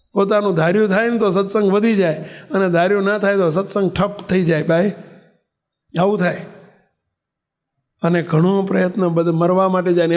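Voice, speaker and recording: A man giving a sermon, telling a story, acting out its characters and asking the listeners questions. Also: high voice. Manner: acts out characters' voices in his stories; asks the listeners rhetorical questions. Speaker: preacher.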